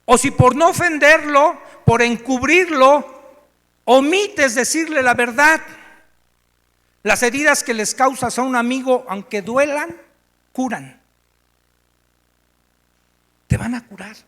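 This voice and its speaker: A man's voice: extremely high pitch, slow pace, pauses often. A man with a Mexican accent preaching a sermon, telling stories animatedly and asking the congregation questions. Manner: animated storytelling, asks the congregation. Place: church meeting room. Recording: echoey church hall.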